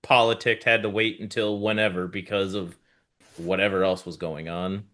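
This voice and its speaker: Male co-host, bright and forceful, direct teasing tone. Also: low voice, fairly even intonation, normal speed. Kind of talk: casual chat.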